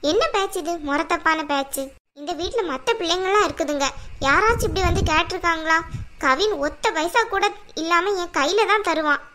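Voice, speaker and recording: Cartoon part: bossy mother-in-law, scolding and commanding, bright and high, a woman voices her. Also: fairly quick, a little hiss or hum. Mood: grumbling. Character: stern older mother-in-law, domineering. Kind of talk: cartoon voice acting.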